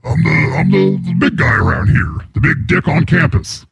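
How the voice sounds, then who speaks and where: Through a warped voice-changer filter, a crude and self-important neighborhood boss rambles in a rough, gravelly rasp, as a man puts him on for a prank call. The processed voice swoops widely up and down as it mocks the caller. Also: fairly high pitch, big pitch swings, normal speed, dry recording, faint music behind, heavily acted. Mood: smarmy. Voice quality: gravelly, raspy. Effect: voice changer distortion.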